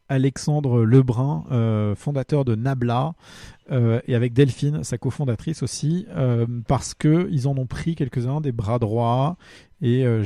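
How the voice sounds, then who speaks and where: A man's voice: medium pitch, dark tone, dry recording. A man hosting a casual solo podcast, answering listener questions in a friendly, hesitant way full of fillers.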